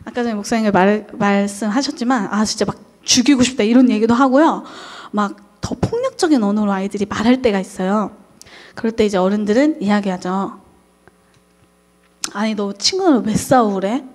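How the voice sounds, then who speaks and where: A woman's voice: medium pitch, fairly quick, darkish tone. A young woman who teaches at a daycare, lecturing parents on how to talk with children and acting out quoted parent and child lines. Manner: frequent "어" fillers, talks straight to parents.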